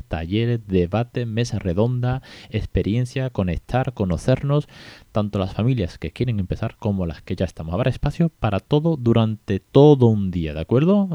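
A man's voice: lowish voice, mellow, no room sound. A man, hosting a casual podcast and telling a story with chatty asides. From Spain. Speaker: podcast host.

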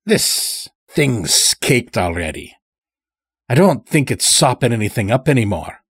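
Voicing a stout old farmer in a story, a male narrator makes him sly and easygoing, with a slow, husky folksy drawl that stretches out the words. His pitch swings widely in a sing-song way, and the recording is close and dry.

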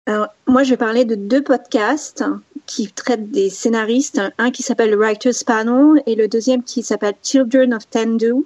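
A woman's voice: fairly high pitch, steady tone, moderate pace, darkish tone, dry recording, muffled recording. A woman chatting on a podcast panel, hesitant and full of fillers and restarts. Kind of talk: casual podcast chat.

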